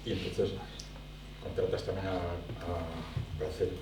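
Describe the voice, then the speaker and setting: A man with a low voice asks short questions from far off. Clear background noise fills an echoey room. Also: flat delivery, unhurried. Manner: brief prompting questions. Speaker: presenter, interviewer. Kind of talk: interview questions.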